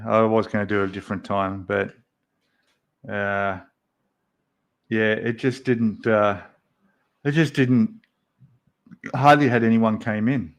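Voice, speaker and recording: Aussie bloke in his 50s chatting on a livestream, kinda low voice, wanders off topic a lot. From Australia. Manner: rambling, lots of fillers, chatty asides to viewers. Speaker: livestream host. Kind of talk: casual livestream chat.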